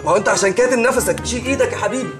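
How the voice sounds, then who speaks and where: An actor with an Egyptian accent playing an amused young man who calms his drugged friend in a soothing, half-laughing way. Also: very high voice, rapid-fire, music in the background. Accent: Egyptian Arabic. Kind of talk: TV comedy series acting.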